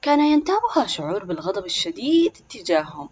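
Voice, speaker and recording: A woman reading a scripted children's story aloud with expressive narration. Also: mid-range voice, fast, highs cut off.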